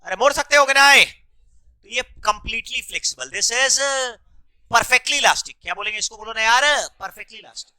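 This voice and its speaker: Bright high-voiced male economics teacher. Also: unhurried. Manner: coaxing, repeatedly prompting students to answer. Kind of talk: classroom lecture with call-and-response questions. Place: classroom.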